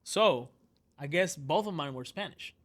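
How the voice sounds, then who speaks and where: A man from Cuba co-hosts a podcast and talks in a loose, rambling way, laughing often and restarting his sentences. His voice sits a little high for a man. The sound is dry and close, with no room echo. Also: animated, unhurried, fairly bright tone. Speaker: podcast co-host. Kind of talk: casual chat.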